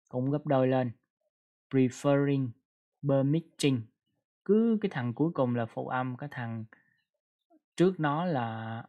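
A man's voice: mid-range voice, lo-fi sound. A man teaching an English grammar lesson in a casual classroom style, explaining patiently with frequent fillers and prompts to the class.

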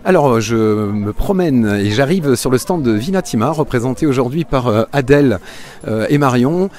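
A middle-aged man interviewing exhibitors outdoors with a handheld mic, relaxed and full of hesitations. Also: medium pitch, faint music behind. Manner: quick, relaxed, many hesitations. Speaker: event interviewer. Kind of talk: friendly on-site interviews. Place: outdoor park at a business fair.

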